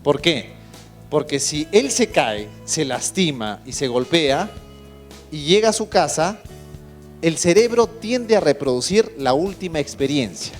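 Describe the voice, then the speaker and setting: A man's voice: a little high, very animated, a little slow, faint music behind. A man with a Peruvian accent giving a motivational lecture, asking the audience rhetorical questions and repeating key points. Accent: Peruvian Spanish. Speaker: motivational speaker. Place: conference hall.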